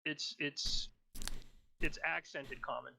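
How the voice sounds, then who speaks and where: A man narrating a tabletop role-playing game as game master, deliberate, with dramatic pauses. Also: on the high side, fairly even intonation, creaky, bright, forceful tone, a little hiss or hum.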